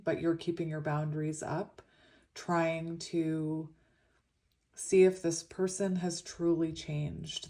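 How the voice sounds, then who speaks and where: A woman's voice: sits low, warm tone. A woman with a slushy lisp from a retainer, giving a casual, meandering tarot reading in an informal, reflective way. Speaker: tarot reader.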